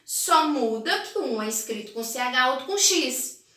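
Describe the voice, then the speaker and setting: A Brazilian woman teacher correcting exercises in a recorded class for children, slow and encouraging, in a sing-song manner. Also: high-pitched, lively intonation, pushed and bright. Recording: echoey room, mic at a distance.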